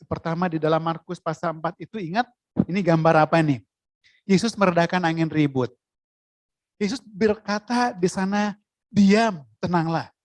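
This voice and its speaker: A preacher giving a sermon, in a lively way, asking the listeners questions. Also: mid-range voice, moderate pace, dry recording.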